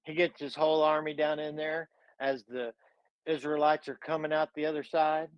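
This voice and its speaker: A man's voice: fairly high pitch, flat delivery, normal speed, clear, resonant tone, no room sound, highs cut off. A man retelling a scripture story in a fervent, preaching style, full of dramatic repetition.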